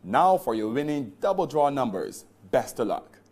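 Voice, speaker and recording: A man's voice: mid-range voice, very animated, normal speed, very noisy. A middle-aged man presenting a televised lottery draw in a formal, emphatic announcer's delivery. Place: TV studio.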